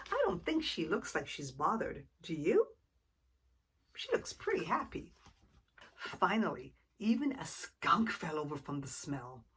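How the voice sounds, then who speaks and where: A woman with a fairly low, somewhat bright voice reads a children's story aloud with plenty of expression, as if to young listeners, and asks them questions along the way. There is slight background noise behind this storytime reading.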